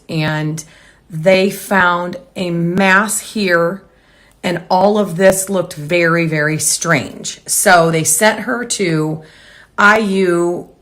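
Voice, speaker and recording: A woman home decor blogger talking casually to camera, hurried and rambling with restarts. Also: on the low side, fairly bright tone.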